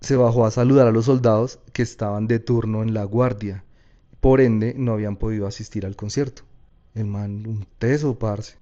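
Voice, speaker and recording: A man with a Colombian Paisa accent telling a personal story in a casual, slangy, lively way. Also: fairly low pitch, moderate pace, dull audio. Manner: casual, slangy, animated retelling.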